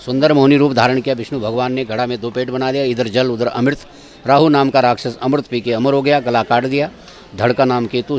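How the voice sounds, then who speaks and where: A man giving a guided tour of temple grounds outdoors, directive as he keeps pointing things out to his visitors. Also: mid-range voice.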